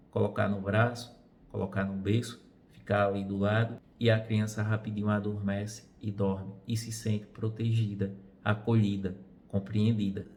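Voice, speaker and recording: Creaky-voiced Brazilian man, earnest talk. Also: lowish voice. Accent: Brazilian Portuguese. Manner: earnest, asks rhetorical questions. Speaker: psychotherapist. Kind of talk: reflective talk to camera.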